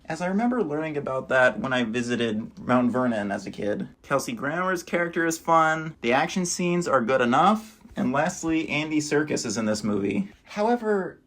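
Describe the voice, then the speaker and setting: A man giving a casual, wry voice-over review of movies he watched, with dry asides. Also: mid-range voice.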